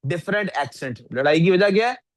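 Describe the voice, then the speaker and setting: A man's voice: high voice, expressive, fairly quick, no room sound. A male teacher giving a classroom lecture and often asking his students questions. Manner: asks the class frequent questions, scolds sleepy students.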